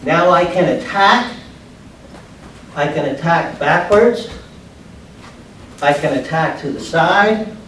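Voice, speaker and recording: A man's voice: fairly high pitch, slow, pauses often, a bit bright. An older man, in his sixties or so, giving an instructional martial arts demonstration in short, plain, step-by-step phrases. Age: older, about 60s. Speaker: judo instructor. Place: large bare padded indoor training room. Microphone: distant camera microphone. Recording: echoey room, far microphone, background noise.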